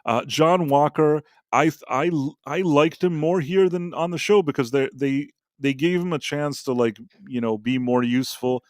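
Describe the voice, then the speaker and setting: A man's voice: fairly high pitch, normal speed, hardly any pauses, no room sound, studio quality. A man co-hosting a pop culture talk stream, giving blunt, rambling opinions with many restarts and fillers. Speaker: podcast co-host. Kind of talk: casual opinionated chat.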